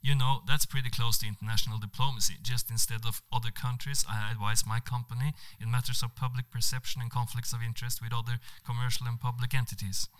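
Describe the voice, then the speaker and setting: A man's voice: mid-range voice, little pitch movement, a bit bright, lightly acted. A man voicing a self-important Norwegian woman with an affected, showy way of talking. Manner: affected, showy, drawn-out speech. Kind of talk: comedic story reading.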